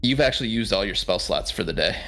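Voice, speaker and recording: A man running a tabletop game as game master, explaining rules in a relaxed way with many fillers. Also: fairly low pitch, quick pace.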